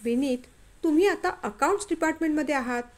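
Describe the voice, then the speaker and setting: A woman voicing a kind, calm young female office worker who speaks gently. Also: high voice, quick pace, natural voice. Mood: calm concern.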